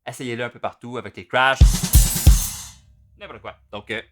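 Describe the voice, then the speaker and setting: A man, explaining drum rudiments in a relaxed, casual way with many fillers. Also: medium pitch, normal speed, soft background music. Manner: relaxed, talks through patterns with many fillers. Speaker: drum teacher.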